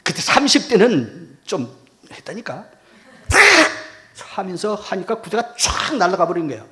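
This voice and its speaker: A man's voice: high voice, very animated, moderate pace, fairly bright tone. A man, a pastor giving a testimony as a dramatic storyteller who acts out the voices. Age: 70s. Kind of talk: testimony sermon.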